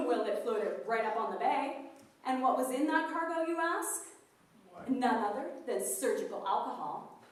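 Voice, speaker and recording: A woman's voice: on the high side, expressive, measured pace. A woman playing a prim, fiery village temperance crusader in a live theatrical monologue, preachy, indignant and declamatory. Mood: gossipy, scornful. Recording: very echoey, distant live performance recording.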